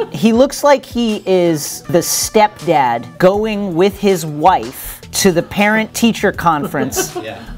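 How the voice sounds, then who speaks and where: A man hosting a comedic basketball show, sarcastic and jokey, swinging between deadpan asides and excited outbursts. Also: sits high. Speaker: host. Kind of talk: comedic sports commentary.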